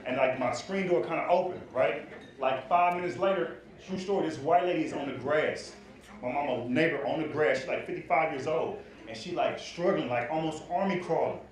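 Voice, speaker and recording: A man telling stand-up stories in loud, animated, profane slang on a comedy club stage. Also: a little high, fairly quick. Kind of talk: stand-up storytelling. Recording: echoey club with loud crowd laughter.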